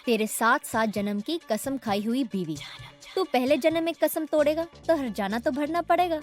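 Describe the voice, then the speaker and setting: A woman's voice: sits high, moderate pace, soft background music, close to an everyday voice. An actress playing a blunt, mocking divorced wife who insists on her alimony, in a film comedy. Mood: teasing. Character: sharp-tongued divorced wife demanding alimony.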